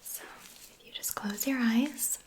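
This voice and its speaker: A woman doing a whispered role-play as a medical examiner, gently giving step-by-step instructions and reassurance in an ASMR style. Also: on the high side, a little slow.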